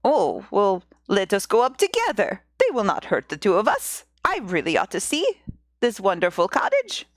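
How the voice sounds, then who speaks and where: A woman voicing an eager old peasant man from a fairy tale, speaking slowly in a lowered voice. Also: huge pitch swings, dry recording, studio quality.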